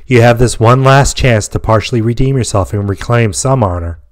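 A man voicing a calm, controlled mech pilot in his forties, speaking in a cool, measured way. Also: on the low side, lightly acted.

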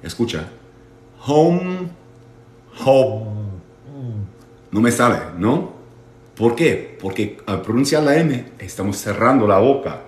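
A man teaching English in a livestream, switching between Spanish and English and stretching out words slowly to model sounds. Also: fairly low pitch, lively intonation, reverberant. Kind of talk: bilingual livestream English lesson.

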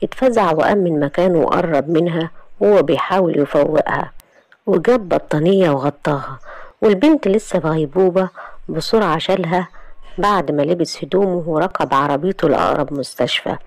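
A woman's voice: sits low, brisk, darkish tone, no room sound, poor audio. A woman with an Egyptian accent narrating a dramatic story in an earnest tone. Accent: Egyptian Arabic.

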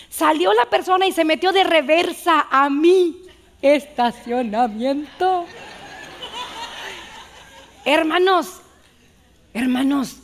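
A woman pastor delivers a sermon to her congregation. Her voice is high and has a gravelly texture. She preaches in a chatty, lively storytelling manner.

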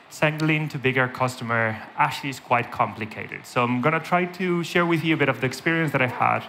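A Spaniard in his thirties, whose Spanish accent carries Irish English influence, delivers a keynote on a large dark conference stage. In a mid-range voice he tells anecdotes in a lively way, often tagging his points with "right?". There's a slight hiss or hum.

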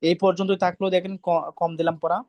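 A man's voice: sits high, little pitch movement, fast talker, darkish tone, no room sound. Stern man drilling letter sounds. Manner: stern, scolds students, repeats sounds for drill. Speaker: Quran recitation teacher. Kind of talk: online class teaching pronunciation.

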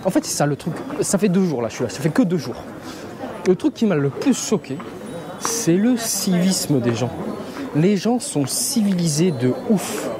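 A man's voice: high voice, sing-song, moderate pace, a crowd in the background. A young Parisian man with a Parisian accent, chatting casually to a handheld camera while walking a busy street, slangy and rambling. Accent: Parisian French. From France. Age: young adult. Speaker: vlogger. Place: busy traditional shopping street outdoors. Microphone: handheld camera at arm's length. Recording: street noise behind.

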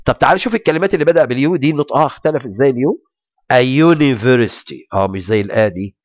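A male teacher with an Egyptian accent gives a grammar lesson, his pitch rising and falling in a lively way. He rattles off his explanations, then slows right down to read each English example clearly. The recording is close and dry, with no room echo. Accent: Egyptian Arabic. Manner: reads English examples slowly and deliberately between quick Arabic explanations.

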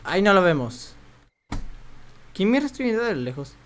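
A young man streaming a video game, commenting excitably, swearing often and yelping when startled. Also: sits high, moderate pace. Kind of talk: let's play commentary.

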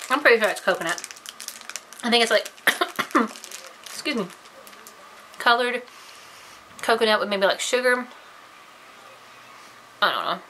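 A woman's voice: medium pitch, bright, forceful tone, a little hiss or hum, poor audio. A woman vlogger chatting casually while tasting candy on camera, giggly and self-deprecating.

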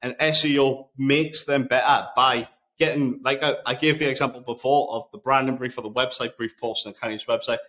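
A man's voice: medium pitch, fairly even intonation, a little fast, few pauses, a bit bright. A man with a Geordie accent hosting a live podcast, answering listener questions in a conversational, step-by-step way. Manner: conversational, explaining step by step with lists. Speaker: podcast host.

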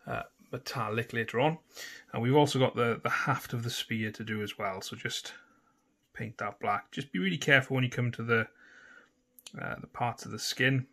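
A man with a Welsh accent hosting a miniature painting tutorial, talking casually with a relaxed, self-deprecating manner. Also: medium pitch, gravelly. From Wales. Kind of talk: casual instructional talk.

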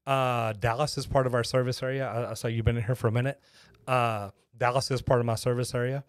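This Texas master plumber in his 50s talks fast in a level, mid-range voice while hosting a live stream. He rambles folksily with his viewers, frequently restarting, from a small home studio lined with shelves. A boom-arm studio mic sits close up, and no room sound comes through.

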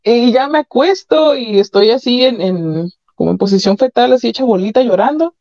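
Over a phone line, a woman tells her candid personal story as a caller sharing her experiences, frank and matter-of-fact with nervous laughs. Her slightly high, slightly mellow voice has lively intonation and a moderate pace, and the audio is dull.

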